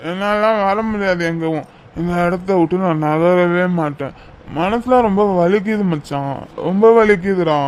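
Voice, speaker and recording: Cartoon: man voicing a drunk, lovesick young businessman; high, slurred, giggly and rambling. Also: normal speed, natural voice. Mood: maudlin. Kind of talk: cartoon voice acting.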